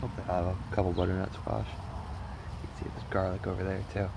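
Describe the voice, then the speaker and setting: A man with a fairly low voice and plenty of gravelly fry talks casually as he shows a garden. He is laid-back and loosely profane. The recording is outdoors, with clear ambient noise behind him. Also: level tone, fairly quick. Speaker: gardener vlogger. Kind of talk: casual walk-and-talk garden vlog.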